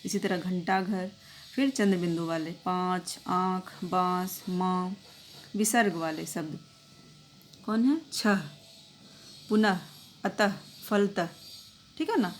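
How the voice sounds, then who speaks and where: A woman's voice: fairly low pitch, slow, pauses often, a little hiss or hum. Patient woman teaching young children. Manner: patient, checks in often with tag phrases. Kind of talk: explaining a grammar lesson for young children.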